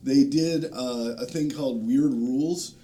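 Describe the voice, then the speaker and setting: A dark-toned man, a game designer appearing as a guest, chats casually on a panel and recommends video channels. He speaks hesitantly and haltingly, with frequent ums and long pauses, over low rumbling background noise.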